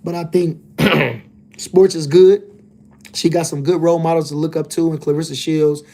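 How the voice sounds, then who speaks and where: A man's voice: on the high side, steady tone, normal speed, gravelly, dark tone. Laid-back man rambling on a boxing livestream. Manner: laid-back, loose and rambling, lots of "you know what I'm saying". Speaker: livestream host, boxing commentator. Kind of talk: casual livestream chat reading comments.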